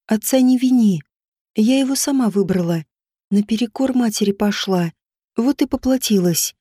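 Woman voicing a dying witch mother, low and breathy. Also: mellow, no echo, clean studio sound. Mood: tender, fading. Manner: low, muffled, breathy and slow. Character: dying noblewoman, a witch mother, stern yet tender.

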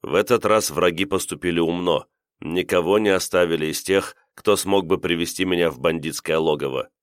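A man's voice: deep voice, fairly quick, dry recording, clean studio sound. A man narrating a first-person audiobook in a terse, tense manner.

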